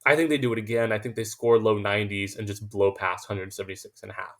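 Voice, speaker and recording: A man's voice: on the low side, quick pace. A man hosting a sports betting picks video, talking emphatically and confidently, sometimes tripping over his words. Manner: emphatic, confident, self-assured; stumbles and restarts when excited. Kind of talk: casual betting picks monologue.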